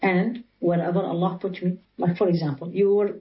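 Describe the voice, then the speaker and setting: A woman's voice: on the low side, steady tone, brisk, lo-fi sound. Arabic-accented woman teaching religion. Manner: explains with rhetorical questions, quotes scripture in Arabic. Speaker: Islamic teacher. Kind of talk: religious interview talk.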